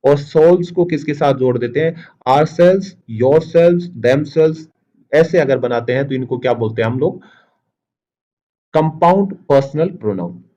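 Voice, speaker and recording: A man teaching a grammar lesson, asking the class questions and answering them himself, and reading out example sentences slowly and with emphasis. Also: a little high, a little mellow.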